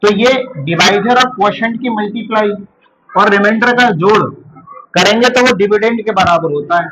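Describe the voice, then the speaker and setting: A male school teacher from India explaining division in a lesson, asking questions and answering them himself, and slowly repeating key terms. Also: sits high, a bit bright, a little hiss or hum, low-quality recording. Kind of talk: classroom math lesson.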